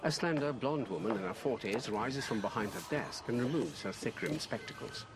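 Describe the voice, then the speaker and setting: A man reading scripted audio description for a film in a measured, descriptive way. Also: mid-range voice, lively intonation, background noise.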